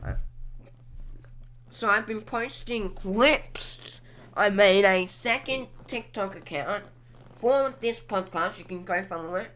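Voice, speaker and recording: A young woman talks slowly through her channel numbers, drawing out each figure as she muses. Her voice is bright and forward. She thinks aloud casually as she clicks from app to app. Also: medium pitch. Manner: drawn-out, musing, talks while clicking through apps. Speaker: podcast host reviewing her channel stats. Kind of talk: casual solo commentary.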